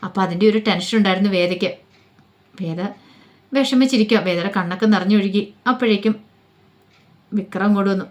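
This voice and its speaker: A woman retelling a serial episode as a casual, chatty spoken story. She talks fast and fills her pauses with small murmurs. Her voice sits at a medium pitch. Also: darkish tone. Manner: chatty, with frequent fillers.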